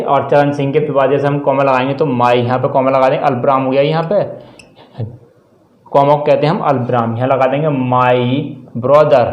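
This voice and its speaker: A man's voice: medium pitch, darkish tone, muffled recording. Man teaching grammar in an echoey room. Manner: spells words letter by letter, repeats "ठीक है" often. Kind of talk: grammar lesson explained step by step.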